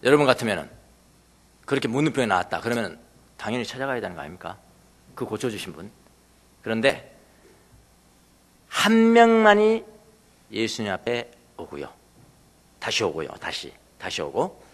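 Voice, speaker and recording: A man preaching a sermon as pastor, acting out quoted lines and swinging between loud bursts and hushed asides. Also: on the low side, expressive, a little fast, pauses often, husky.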